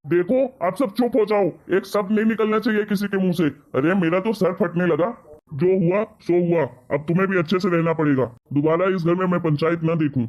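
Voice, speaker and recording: A man's voice: on the high side, steady tone, a little fast, a little mellow, natural voice. A man voicing an authoritative middle-aged father in a cartoon story, firm and commanding. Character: middle-aged father, authoritative, short-tempered head of house.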